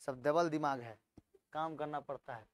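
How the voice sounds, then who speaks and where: High-voiced maths tutor. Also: male voice, normal speed. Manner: coaxing, asks students questions, then answers them. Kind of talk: solving textbook problems aloud.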